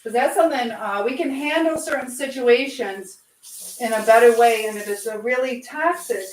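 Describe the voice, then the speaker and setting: Cooking indoors, a live stream host with a fairly high voice speaks at a normal speed, chatting casually with her audience and offering advice. She reads viewer messages out loud and questions them, in a kitchen that echoes and carries background noise.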